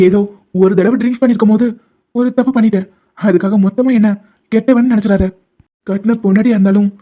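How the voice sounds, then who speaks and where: In this animated love-story dub, a voice actor with a natural, mid-range voice plays the male lead, a stubborn young doctor. He teases the heroine with pet names and keeps insisting she is his wife. The lo-fi audio sounds dull, with faint music underneath.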